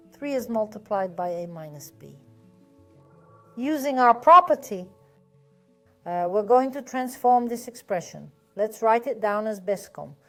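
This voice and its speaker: A woman teaching a math lesson step by step, patient and methodical, often asking a question and then answering it herself. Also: fairly high pitch.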